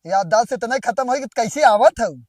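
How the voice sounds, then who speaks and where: A man's voice: very high-pitched, expressive, fairly quick, darkish tone, no echo, studio quality, recorded from a distance. Blustering Awadhi village man. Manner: blustering, scolding. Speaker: comedy sketch actor. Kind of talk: rustic comedy acting.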